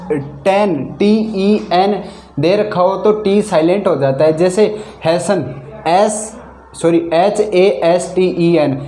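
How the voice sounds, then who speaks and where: A woman's voice: on the low side, warm tone, slight background noise. A woman teaching a grammar lesson. She spells words out letter by letter, gives the meaning of each one, and repeats her points patiently. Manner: patient, repetitive explaining. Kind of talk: Hindi-medium classroom lesson. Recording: echoey room.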